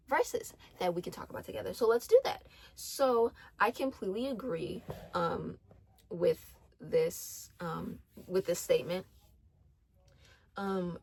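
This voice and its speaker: A twenty-year-old woman faith vlogger offers casual, earnest advice rooted in her faith, her lowish voice marked by vocal fry. She fills her speech with ums, restarts, and repeated phrases.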